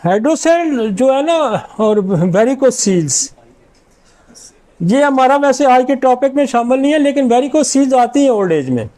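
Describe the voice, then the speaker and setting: A man's voice: very high-pitched, expressive, warm tone. A middle-aged man, a homeopathic doctor, giving an informal lecture and confidently rattling off long lists of remedies.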